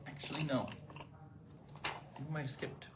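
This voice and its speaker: A man's voice: a little high, a little slow, echoey room, noisy background. A man co-hosting a live product show, who explains each item in an easygoing way with frequent fillers. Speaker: co-host presenting eyewear.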